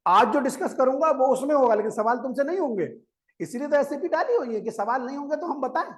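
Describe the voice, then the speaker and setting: A male maths teacher with a very high, expressive voice lectures quickly, coaxing his class and urging them to listen before they write. He keeps quizzing the students and repeats each key step.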